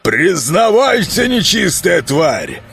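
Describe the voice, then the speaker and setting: A man voicing a hoarse, businesslike male miller who bullies a captive creature. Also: sits high, wildly swooping pitch, a little slow, a bit bright, faint music behind, voice pushed up, full character voice. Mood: menacing.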